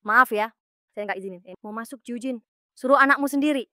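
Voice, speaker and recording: A woman's voice: fairly high pitch, quick pace, pushed and bright, dry recording, studio quality. An actress dubbing a defiant young woman accountant who answers with biting, sarcastic retorts. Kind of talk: dubbed short drama.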